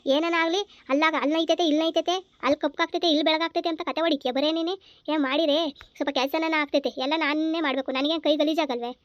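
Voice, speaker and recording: A woman's voice: sits high, steady tone, quick pace, dry recording, muffled recording, close to an everyday voice. A young girl playing a bossy older sister who nags and lectures her sibling. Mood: nagging. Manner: nagging and sharp-tongued. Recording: clear background noise.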